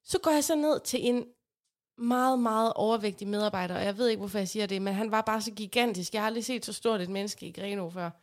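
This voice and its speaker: A woman telling a funny everyday story in casual chat, animated and often laughing. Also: medium pitch.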